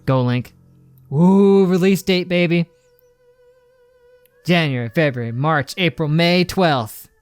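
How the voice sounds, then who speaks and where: A man's voice: a little high, takes it slowly, pauses often, smooth, no room sound, faint music behind. A man streaming a casual, ranting reaction commentary, with an emphatic, slangy way of talking. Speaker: streamer reacting to a game showcase.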